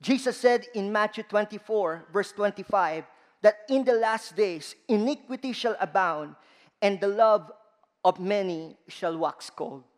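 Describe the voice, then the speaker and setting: A guest preacher with a Filipino accent and a high-pitched voice delivers a sermon slowly and emphatically, his stresses rising. He speaks in a large church hall, and the recording carries its long reverb.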